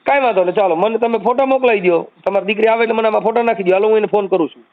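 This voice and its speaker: Fast-talking reassuring man on phone. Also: high voice. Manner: reassuring, repeats calming phrases. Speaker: social media activist taking calls. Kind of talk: phone call advice. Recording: tinny phone line.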